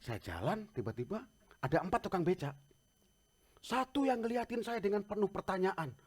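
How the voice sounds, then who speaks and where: A male pastor preaching a sermon, mixing scripture with funny personal stories. His voice sits a little high and swings widely as he builds each story. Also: moderate pace, husky. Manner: humorous storytelling, animated.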